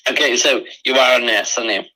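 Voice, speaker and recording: Male spiritualist, mid pitch, very bright tone, earnest and repetitive, talking unscripted through a live reading. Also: fast talker, low-quality recording. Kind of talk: unscripted psychic reading, conversational.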